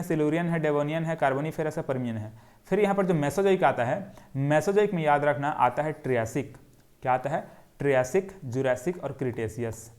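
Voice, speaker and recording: Young male teacher, a touch high-pitched, runs a lecture as repeated question and answer while drawing on a board. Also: a little mellow. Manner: repetitive question-and-answer drilling. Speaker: geography teacher. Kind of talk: classroom lecture.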